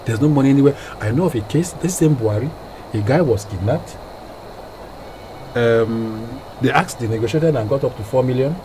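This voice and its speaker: A man's voice: medium pitch, moderate pace, background noise. A man speaking as a studio guest and researcher on a radio talk show, in an emphatic way with repeats for stress.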